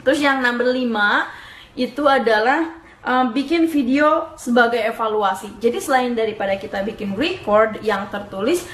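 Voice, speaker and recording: Chatty young woman, echoey room. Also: fairly high pitch. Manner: chatty, mixes in English words, many fillers. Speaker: English tips vlogger. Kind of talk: casual tutorial talk.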